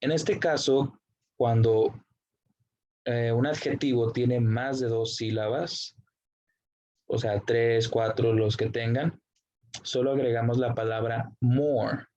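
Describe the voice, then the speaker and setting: A man teaching an English grammar lesson, slowly explaining the rules, spelling out letters and translating every example. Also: medium pitch, fairly even intonation, darkish tone, lo-fi sound.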